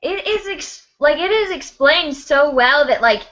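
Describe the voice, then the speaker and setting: A young woman co-hosting a casual livestream book chat, rambling in an animated way with lots of "like". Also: high voice, unhurried. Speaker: book club co-host. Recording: dull lo-fi video call audio.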